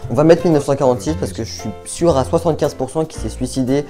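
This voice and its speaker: Young guy chatting away to his viewers, mellow warm voice, thinks out loud, faint music behind. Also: medium pitch, fast. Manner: chatty, thinks aloud, hesitant. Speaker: youtuber. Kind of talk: casual vlog chat.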